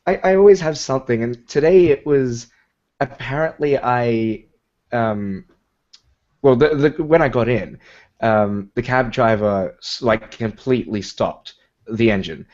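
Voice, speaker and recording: A hesitant man tells a story on a podcast over a video call, stumbling through ums and restarts and laughing often. His voice sits at a middle pitch. The call audio is dull and lo-fi. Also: a little mellow. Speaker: podcast co-host.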